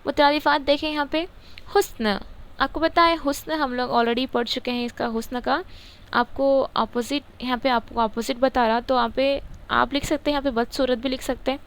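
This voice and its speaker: A woman's voice: sits high, fairly even intonation, smooth. A woman explaining a grammar textbook in a casual lesson, asking questions and answering them herself. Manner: repeats words, asks and answers her own questions. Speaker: teacher.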